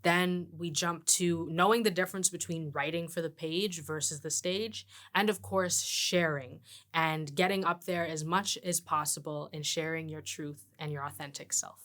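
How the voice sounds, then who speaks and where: A woman's voice: low-pitched, steady tone, moderate pace, fairly bright tone. Earnest woman poet giving advice. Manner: earnest and encouraging. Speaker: performance poet teaching. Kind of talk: instructional masterclass talk.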